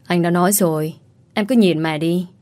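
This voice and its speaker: A woman's voice: lowish voice, normal speed, a little mellow, close to an everyday voice. A woman voicing a curt, proud young husband. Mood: irritated.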